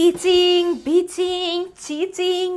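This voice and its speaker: A woman's voice: extremely high pitch, little pitch movement, extremely slow, full character voice. A woman playing a whiny bumbling lamp genie. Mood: playful. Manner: dramatic and whiny, theatrical declarations. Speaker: elder daughter turned genie. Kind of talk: family comedy skit acting. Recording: music playing under the voice. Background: background music.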